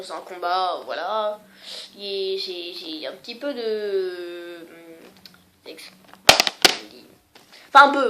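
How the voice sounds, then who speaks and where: Une femme qui présente ses jeux vidéo sur un ton décontracté, en hésitant souvent et en se moquant d'elle-même. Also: female voice, medium pitch, fairly bright tone. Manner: rambling, many fillers and self-mocking asides. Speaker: gaming vlogger. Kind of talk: casual video game showcase.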